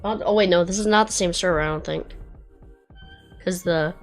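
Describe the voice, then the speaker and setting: A woman's voice: on the low side, moderate pace. A woman streaming a racing game, chatting casually and muttering to herself as she drives and talks to chat. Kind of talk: casual livestream commentary while racing. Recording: loud background music over voice. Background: background music.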